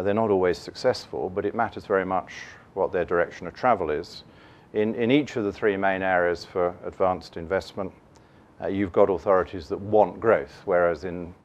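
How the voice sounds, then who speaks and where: A middle-aged man giving a keynote on markets from a lectern, measured and dotted with fillers and restarts. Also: sits low, a little mellow, lo-fi sound. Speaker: investment keynote speaker. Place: conference room, standing at a lectern.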